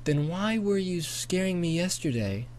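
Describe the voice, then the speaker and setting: A man's voice: high voice, lively intonation, unhurried, a little mellow, a little hiss or hum, voice pushed up. A man voicing a curious, slightly timid boy who asks a lot of questions in an amateur audiobook. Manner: hopeful, inquisitive.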